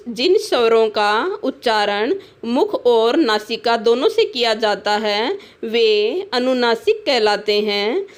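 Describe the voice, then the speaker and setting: A woman teaching a grammar lesson, reading word lists one word at a time and speaking to children. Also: on the high side. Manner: deliberate, reads each word separately and addresses children. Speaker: Hindi teacher.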